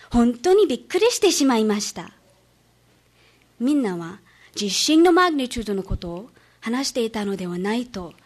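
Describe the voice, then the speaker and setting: A woman from Hawaii, a student, delivering a memorized speech with careful, measured phrasing. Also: mid-range voice. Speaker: student speaker.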